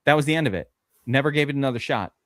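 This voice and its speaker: A man's voice: medium pitch, lively intonation, racing, fairly bright tone, no echo, studio quality. A man, hosting a live fantasy football stream and telling a long, rambling story with lots of swearing and fillers. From USA. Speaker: podcast host drafting fantasy football. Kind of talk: casual live-stream chat.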